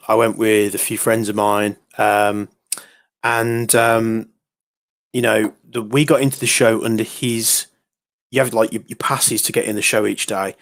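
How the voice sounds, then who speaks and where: A man's voice: on the low side, no echo, studio quality. A man hosting a casual airsoft talk show, telling stories with lots of fillers and restarts. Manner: rambling, filler-heavy storytelling. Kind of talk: casual podcast chat.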